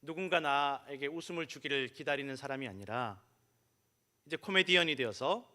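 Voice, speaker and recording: A man's voice: mid-range voice, normal speed, bright, forceful tone. A middle-aged male pastor telling a story in a sermon, acting out the voices of the people in it.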